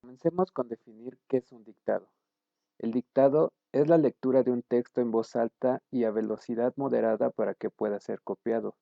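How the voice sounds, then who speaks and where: A man, a student, reading his class presentation in a steady, explanatory way. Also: mid-range voice, moderate pace, vocal fry, dry recording, highs cut off.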